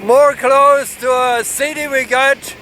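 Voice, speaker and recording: A man vlogging casually while riding a trike along a highway, halting with many fillers and making sarcastic jokes about bumpy roads. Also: steady tone, bright, forceful tone, slight background noise, rough recording. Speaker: travel vlogger. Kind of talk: casual commentary while driving.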